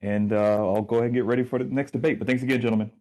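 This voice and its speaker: A man's voice: medium pitch, fairly even intonation, very fast, dark tone. A man hosting and moderating a sports debate show, easygoing and full of ums. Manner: easygoing, filler-heavy moderator.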